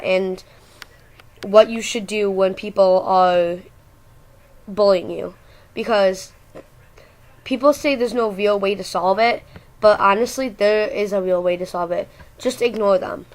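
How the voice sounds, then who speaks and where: A woman's voice: mid-range voice, rough recording. Teenage girl who says w for r. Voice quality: speech impediment, says w for r. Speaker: video blogger. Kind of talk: casual personal talk to camera.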